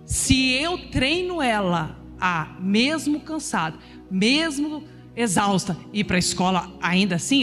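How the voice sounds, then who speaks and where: A woman's voice: mid-range voice, big-room sound. A middle-aged woman preacher telling a chatty family story in her sermon. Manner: animated, chatty anecdotes.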